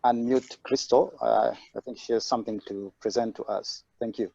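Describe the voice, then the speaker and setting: A man's voice: medium pitch, steady tone, moderate pace, vocal fry, mellow, no echo. Hesitant man on a shaky call line. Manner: hesitant, many fillers. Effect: unstable video-call connection. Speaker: webinar presenter. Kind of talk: online presentation. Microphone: video call. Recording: dull lo-fi online call audio.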